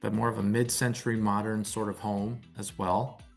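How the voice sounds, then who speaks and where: A man's voice: on the low side, little pitch movement, moderate pace, gravelly, faint music behind. A man hosting a real estate video in an informal top ten countdown style, often repeating key phrases.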